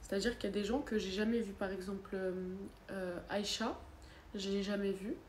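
Her mid-range voice is steady and somewhat dark, at a normal speed. She's a young Frenchwoman with a cold, casually livestreaming from the sofa in her living room and responding to viewer comments, filmed on a phone at arm's length in an echoey room with a faint hum of background noise.

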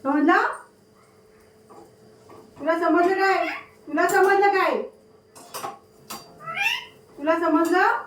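A woman chats to her pet bird at home, scolding and teasing in a doting baby-talk way. Her voice sits high and sounds a little off-mic in an echoey room with faint noise behind it. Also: very slow, pauses often, recorded from a distance. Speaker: pet owner talking to her parrot. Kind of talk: home vlog, chatting to a pet.

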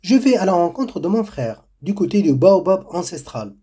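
A man putting on a brave young girl's voice, pitched far above his own and brighter in energy, speaking politely and respectfully. His own husky grain still shows through in this storybook tale. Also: very animated, normal speed, full character voice.

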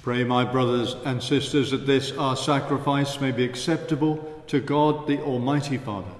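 Solemn priest in cathedral echo. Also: male voice, mid-range voice, fairly even intonation. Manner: solemn, measured intoning. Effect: cathedral echo, long church reverb. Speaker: priest celebrating Mass. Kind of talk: liturgical prayer, spoken and chanted. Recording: echoey reverberant church hall.

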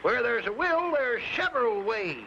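A man's voice: extremely high pitch, big pitch swings, normal speed, sharp tone, a little hiss or hum, full character voice. A man voicing a joking, folksy old swamp dweller in a cartoon, talking in drawling backwoods slang. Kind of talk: 1950s cartoon voice acting. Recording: dull lo-fi soundtrack with music.

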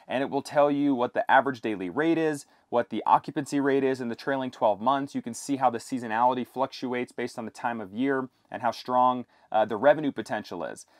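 A man's voice: medium pitch, no room sound, clean studio sound. A man in his twenties giving an informal explainer to camera as a video host, on a lapel mic inside a camper van. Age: 20s. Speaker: video host, property investor.

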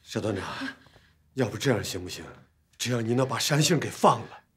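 A man's voice: medium pitch, lively intonation, a little fast, husky. Stammering anxious father. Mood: pleading. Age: 50s. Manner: nervous, deferential, stammering. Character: anxious wealthy father bargaining for daughter.

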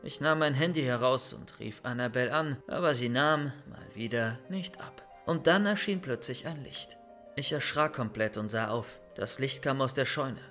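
Young male storyteller for a bedtime creepypasta, even mid-pitched voice, soft music underneath. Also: moderate pace. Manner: calm storytelling, loud shouted calls in scenes. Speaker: narrator of horror stories. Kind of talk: scripted first-person horror narration.

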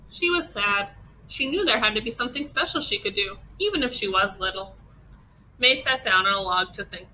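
A woman teacher reading a children's picture book aloud, expressive and unhurried. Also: a little high, a little hiss or hum, low-quality recording. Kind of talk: children's storybook read-aloud.

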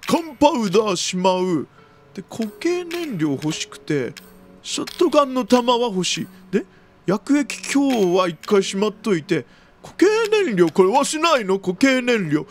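A man doing jumpy let's-play commentary of a horror game, often repeating exclamations quickly and using old-man turns of phrase. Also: sits high, big pitch swings. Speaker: video game streamer.

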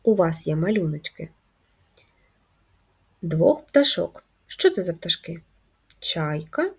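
A woman teaching first graders in a video lesson, speaking slowly and clearly in a sing-song way for young children. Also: fairly low pitch. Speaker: primary school teacher.

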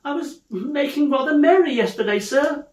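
Man voicing a meek, high-voiced apologetic clerk. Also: animated, normal speed, echoey room. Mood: apologetic, nervous. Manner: pleading, deferential. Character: meek, apologetic male clerk, nervous and deferential.

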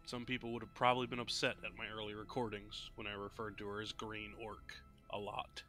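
A man's voice: fairly low pitch, flat delivery, fairly quick, sharp tone, soft background music. Congested man joking through gameplay commentary. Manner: joking, offhand, mock-outraged. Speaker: let's play gamer.

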